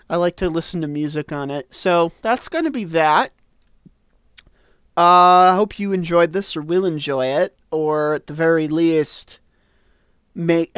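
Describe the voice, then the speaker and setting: Male streamer, slow easygoing rambler, clean dry close mic. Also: a little high, a bit bright, smooth, no echo. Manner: rambling, wry asides with laughs. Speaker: streamer playing a game. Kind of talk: casual let's-play commentary.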